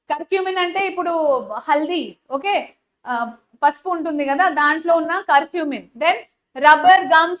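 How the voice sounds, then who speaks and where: A woman with a very high, fairly bright voice and a Telugu accent teaches a live online biology class. She mixes English with Telugu, says "okay" over and over, and fills pauses with frequent "uh"s.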